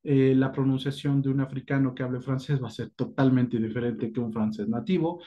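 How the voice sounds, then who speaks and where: A man teaching a French lesson in Spanish, calm and reassuring, slowing down to model each French word. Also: medium pitch, dull audio. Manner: patient, reassuring, slows down to model French pronunciation. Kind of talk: online language lesson. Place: indoors at a whiteboard.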